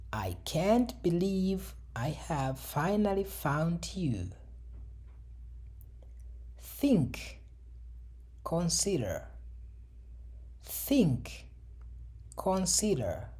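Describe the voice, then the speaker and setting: Woman, low pitch, very slow, breathy, lively intonation, scripted vocabulary lesson. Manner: reads each word pair twice, then each example sentence twice. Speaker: vocabulary teacher. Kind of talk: slow scripted word drill.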